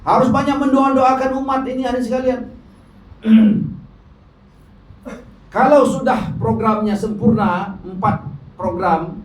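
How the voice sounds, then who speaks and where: A man's voice: very high-pitched, fairly even intonation, unhurried, long pauses. A man preaching a colloquial sermon to a gathering, often addressing the crowd directly, recorded from a distance in an echoing hall. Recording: echoey hall, distant mic, faint noise.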